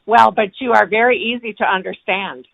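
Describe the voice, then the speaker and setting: A woman on a phone call, the victim of a scam, speaking in a hesitant, halting way. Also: medium pitch, fairly even intonation, vocal fry. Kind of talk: phone conversation. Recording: tinny, dry phone line.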